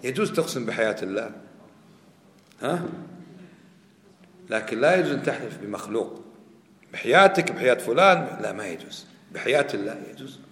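A man's voice: medium pitch, animated, brisk, pauses often, fairly bright tone. A man teaching a religious lesson, quizzing his students with questions he repeats. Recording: echoey hall.

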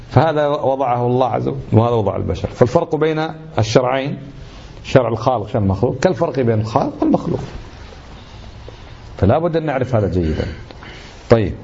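A man's voice: mid-range voice, vocal fry, dark tone, a little hiss or hum. A man giving a religious lesson, emphatic and indignant, firing off rhetorical questions. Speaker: religious teacher. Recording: slightly dull lo-fi recording.

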